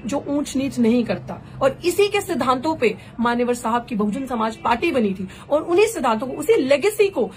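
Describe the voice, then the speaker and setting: Woman activist, higher register, impassioned rhetorical speaker, mixes in English phrases. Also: a little hiss or hum. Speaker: political activist and candidate. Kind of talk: impassioned live political address.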